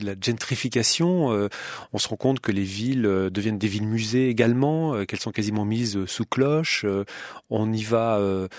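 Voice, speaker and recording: A man's voice: fairly low pitch, no echo, clean studio sound. A man interviewing comics authors, asking long framing questions with many hesitation fillers. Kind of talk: radio-style interview questions.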